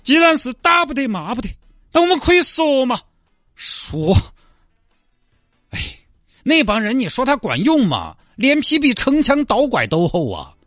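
A man's voice: very high voice, wildly swooping pitch, a little slow, pauses often, a bit bright, dry recording, studio quality, faint music behind, pitched above the performer's own voice, full character voice. A man voicing a pompous, scheming male bureau chief who lectures his staff. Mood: lecturing. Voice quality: lofty, lecturing tone.

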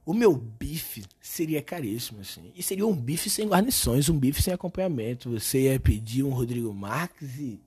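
A hoarse, hungover man with a Brazilian accent, telling stories in a slangy, animated, sweary way as a comedian hosting a casual podcast. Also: mid-range voice. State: hoarse from a hangover and shouting. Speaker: podcast host and stand-up comedian. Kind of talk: casual comic podcast monologue.

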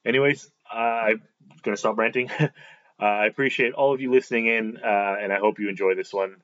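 A man's voice: fairly low pitch, fairly even intonation, fairly quick, fairly bright tone. A man hosting a podcast, giving a hesitant, casual introduction full of fillers. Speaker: podcast host. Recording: dull lo-fi recording.

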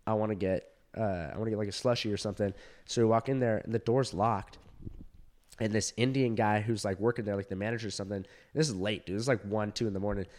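Male stand-up comic, lowish voice, loose rambling anecdote with lots of swearing and quoted voices. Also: quick pace. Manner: rambling, filler-heavy and profane, with animated quoted voices. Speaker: stand-up comedian. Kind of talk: casual storytelling chat.

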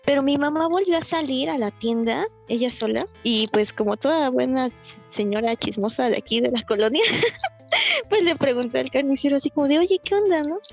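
A young woman with a Mexican accent telling a story in a casual, chatty way, full of fillers and laughs. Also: sits high. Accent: Mexican Spanish. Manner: laughs often, chatty fillers, animated retelling.

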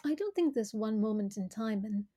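A woman from Malaysia, a former corporate director, answering interview questions in a thoughtful, measured way with frequent fillers. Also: a little high, lively intonation, mellow.

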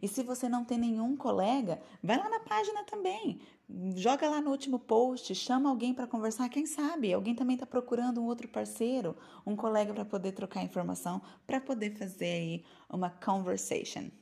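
Lively Brazilian woman teaching English. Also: fairly high pitch, normal speed, gravelly. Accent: Brazilian Portuguese. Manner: lively, chatty, mixes English terms into speech. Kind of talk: casual online lesson.

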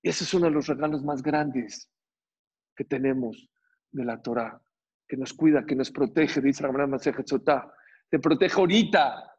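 A man preaching as a rabbi, emphatic and animated, with much repetition, on a dull lo-fi recording. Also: medium pitch, normal speed, breathy edge. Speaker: rabbi teaching a Torah class. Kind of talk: sermon.

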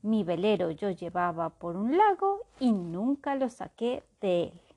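A woman's voice: mid-range voice, expressive, unhurried, mellow. A woman voicing a male ship captain in a children's story who always answers in rhyme. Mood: flustered. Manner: rhyming, theatrical.

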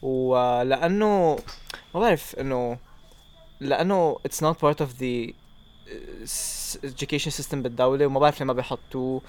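A man's voice: medium pitch, measured pace, smooth. Lebanese man mixing Arabic and English. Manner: constantly mixes Arabic and English mid-sentence. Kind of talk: casual discussion.

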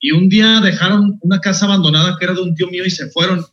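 A man's voice: high voice, rapid-fire. A man with a Mexican accent, a motivational speaker, telling childhood stories in a casual chat, often laughing and full of slang. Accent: Mexican Spanish. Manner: laughing, animated anecdotes with slang. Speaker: podcast guest, motivational speaker. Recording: echoey room, dull lo-fi sound.

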